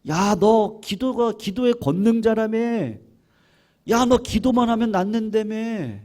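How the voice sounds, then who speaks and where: A sly devil hisses flattering temptations in a slightly raised, slow, taunting voice, as a preacher puts him on. The tone stays coaxing and mocking throughout. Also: male voice, high voice, voice pushed up.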